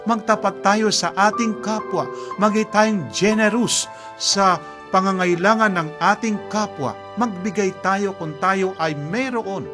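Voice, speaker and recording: A man's voice: sits high, unhurried, over music. A pastor delivering an earnest radio sermon, telling stories and calling his listeners friends.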